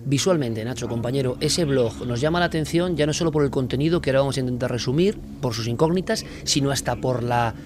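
Late-night radio host, man, mid-pitched and steady, noisy studio feed. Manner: measured, introduces guests by name.

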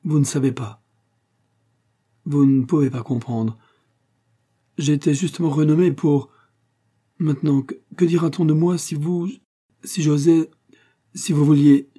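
Guy doing a proud young noblewoman, raised up higher and pushier, dark husky voice under it. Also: steady tone, unhurried, long pauses. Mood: flustered. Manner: heightened, emotional delivery.

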